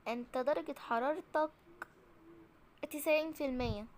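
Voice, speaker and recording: A woman's voice: sits high, moderate pace, darkish tone, slight background noise, close to an everyday voice. A woman with an Egyptian accent voicing a flustered young female doctor in a game role-play, mock-serious and playful.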